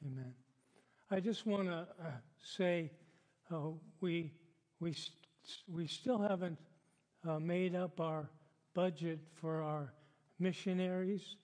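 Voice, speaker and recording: An older man preaches from the pulpit, chatty and easygoing, with frequent fillers and laughs. His voice sits high and his pace is slow and deliberate. Long reverb from the church hall trails behind each phrase. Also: steady tone, darkish tone. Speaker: pastor. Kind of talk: sermon. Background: congregation responding.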